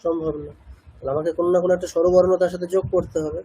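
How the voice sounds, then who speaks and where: A man's voice: high-pitched, level tone, racing, warm tone, slightly rough, poor audio. A man teaching chanting pronunciation in a patient class lesson, asking questions and answering them himself. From India. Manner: patient, asks and answers his own questions.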